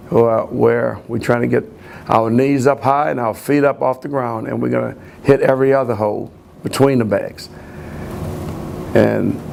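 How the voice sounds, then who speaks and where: A man's voice: medium pitch, vocal fry, a little mellow, slight background noise. A man coaching running backs, explaining drills step by step in a plain, repetitive way. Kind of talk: coaching instruction.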